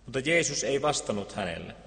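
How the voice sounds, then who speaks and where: A man reading Scripture aloud and preaching, solemn and measured, with deliberate pauses. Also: mid-range voice, animated, creaky, a bit bright. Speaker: pastor. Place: church. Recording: long church reverb.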